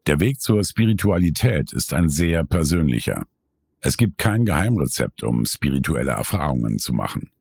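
A man reading a scripted nonfiction summary in a calm, measured way. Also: extremely low pitch, creaky, slightly rough, no echo. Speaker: narrator.

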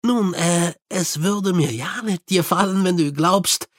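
A man's voice: high voice, no room sound, clean studio sound. Man voicing a shifty young street vendor. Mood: nervous. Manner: fast-talking sales patter, nervous. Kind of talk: audiobook character voice.

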